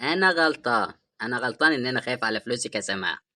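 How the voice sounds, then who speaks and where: A man's voice: mid-range voice, expressive, rapid-fire, sharp tone. Man voicing a pushy money-minded Egyptian husband. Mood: lecturing. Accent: Egyptian Arabic. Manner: blunt, impatient, lecturing. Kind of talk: animated drama dialogue.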